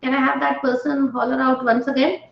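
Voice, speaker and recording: High-voiced woman training online. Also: flat delivery, fairly quick, gravelly, roomy sound, lo-fi sound. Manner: engaging, often checks in with "right?" and questions to participants. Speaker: stress management trainer.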